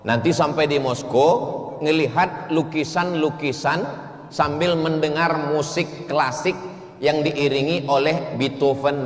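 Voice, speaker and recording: Man, humorous sermon, slow delivery, chants verses, echoey hall. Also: medium pitch. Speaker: preacher. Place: large mosque hall.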